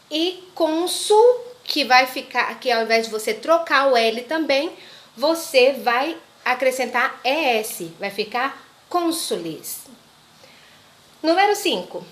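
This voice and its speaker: A woman's voice: a little high, a bit bright. A woman teacher, giving a grammar lesson to children, patiently repeating examples and checking in often.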